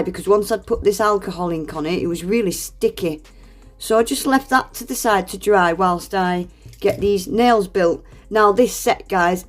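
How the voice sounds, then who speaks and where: A woman with a cold sounds congested as she chats through the voice-over of a nail art tutorial. Her voice is medium-pitched, and she is friendly and self-deprecating, laughing often.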